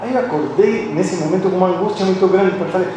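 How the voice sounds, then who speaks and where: A middle-aged man delivers a reflective, confessional philosophy lecture with a slightly high voice. He is caught from well back in a strongly reverberant hall, and a steady background noise sits under his words. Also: fast talker. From Argentina. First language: Spanish. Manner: reflective and confessional, with frequent restarts. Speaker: conference speaker, philosophy professor. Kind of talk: personal academic lecture. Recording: very echoey hall, voice from a distance, audible background noise.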